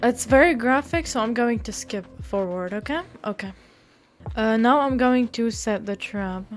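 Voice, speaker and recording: A game streamer doing a walkthrough reads a visual novel aloud, tripping over words and breaking off into blunt, playful remarks. Her voice sits on the high side and moves at a normal speed.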